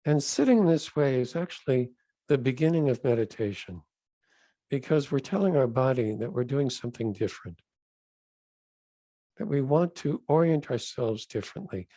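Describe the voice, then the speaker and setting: A rabbi's guided meditation is led by a man of medium pitch who delivers each instruction softly and deliberately, leaving pauses between brief phrases. The sound is dry, with no echo.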